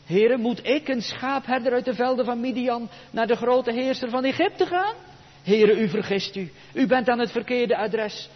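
A preacher voicing a pleading, reluctant Moses. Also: male voice, very high voice, expressive, unhurried, slightly rough, long reverb tail, dull audio, pitched above the performer's own voice, exaggerated voice. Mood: protesting.

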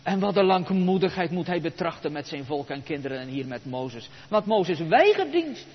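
A male pastor delivers a slow, emphatic sermon in a church. His high voice swings widely in pitch. The sound is dull, with a long reverb and a faint hum. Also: very animated, breathy edge. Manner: emphatic, rhetorical, with dramatic pauses.

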